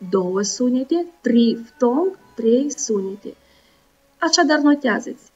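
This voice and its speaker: A woman teacher giving a recorded school lesson, pronouncing sounds and syllables slowly and carefully. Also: on the high side, recorded from a distance. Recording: dull lo-fi sound, voice set back, soft music. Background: soft background music.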